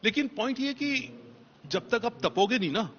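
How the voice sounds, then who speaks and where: A man's voice: very high-pitched, animated, moderate pace, a bit bright, highs cut off, a little hiss or hum. A man, a police officer, answering interview questions in an emphatic motivational way and repeating key phrases for stress.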